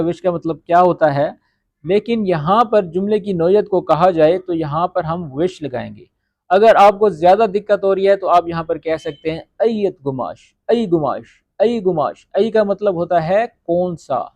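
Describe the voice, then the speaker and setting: A man with a fairly high voice teaches everyday Arabic phrases, saying each phrase slowly and checking in with his viewers. The recording is close and dry, with no room sound. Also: a little mellow, no room sound. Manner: repeats Arabic phrases slowly, often asks "ٹھیک ہے؟". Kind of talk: spoken-Arabic lesson, explaining phrases.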